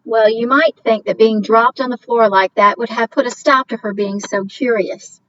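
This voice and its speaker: A woman teacher reading a storybook aloud as a lesson, with expressive, drawn-out emphasis, then explaining story elements. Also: on the high side, no room sound. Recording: distant, dull recording with faint hiss.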